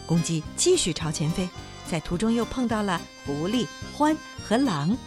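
A woman narrating a children's folk tale with an expressive, animated reading. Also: mid-range voice, moderate pace, music in the background. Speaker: storyteller.

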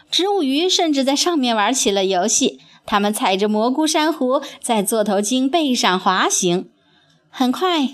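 A woman narrating a children's story in an expressive, sing-song storytelling manner. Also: fairly high pitch.

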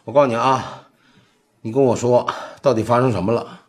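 一名男演员饰演一位急躁的中年老板，操东北口音，说话直来直去，带着不耐烦的责备。. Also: male voice, mid-range voice, a little fast, lightly acted. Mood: exasperated. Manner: blunt, exasperated scolding. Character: impatient middle-aged male boss, brusque but worried. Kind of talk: TV series acting.

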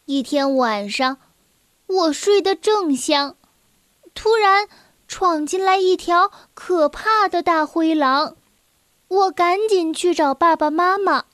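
Woman reading a bedtime storybook for kids, high voice, slow and clear. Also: a bit bright, no room sound. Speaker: children's storyteller.

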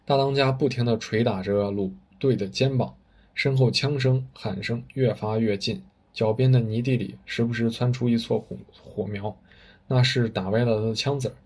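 A man's voice: mid-range voice, steady tone, moderate pace, darkish tone. A man telling a story with vivid, dramatic narration. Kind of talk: spoken storytelling.

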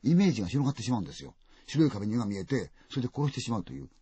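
A very husky, raspy man tells a ghost story with lively, swinging pitch and a brisk pace, full of vivid sound words and sudden drops from loud to hushed. The recording is dull and dry. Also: no echo. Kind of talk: dramatic ghost story telling.

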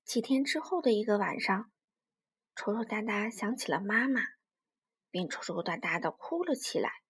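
A woman telling a children's story in an expressive, lively way. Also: mid-range voice, normal speed, slightly rough.

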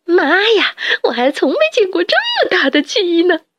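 A gluttonous rat, played by a woman storyteller, greedy and gleeful in a squeaky high voice. Close, dry sound from a children's audio story. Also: sing-song, takes it slowly, vocal fry, fairly bright tone, dry recording, lo-fi sound, heavily acted.

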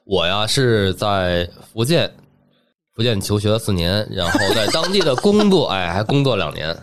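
A man's voice: fairly low pitch, big pitch swings, normal speed, noisy background. A man with a Beijing accent, chatting casually as a podcast guest. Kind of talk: casual chat.

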